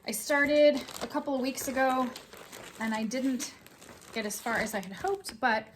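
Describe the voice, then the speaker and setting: A woman's voice: high-pitched, moderate pace, slight background noise. A woman co-hosting a casual chat. She is giggly, self-deprecating and supportive. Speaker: co-host.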